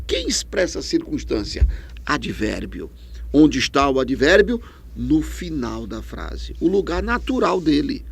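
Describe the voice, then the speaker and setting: A middle-aged man with a Brazilian accent teaching a distance-learning grammar lesson, asking questions and answering them himself with lively emphasis. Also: a little high, vocal fry, husky. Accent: Brazilian Portuguese.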